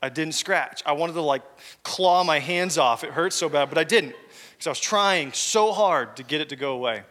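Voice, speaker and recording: A man's voice: a little high, normal speed, pushed and bright. A man preaching a sermon, telling a personal story with joking asides to his congregation. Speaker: pastor. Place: church hall with congregation. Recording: long hall reverb.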